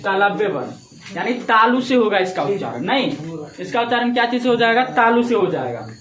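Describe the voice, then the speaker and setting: A man's voice: sits high, big pitch swings, fairly quick, a crowd in the background. A man teaching a grammar lesson, asking questions aloud and answering them himself in a repetitive classroom manner. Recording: echoey room with faint ambient noise.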